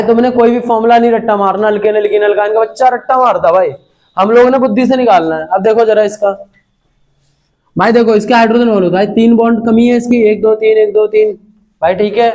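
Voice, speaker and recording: High-voiced chatty teacher man. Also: a little mellow. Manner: chatty, repeats "bhai" constantly, asks students questions. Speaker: chemistry teacher. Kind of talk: online class lecture.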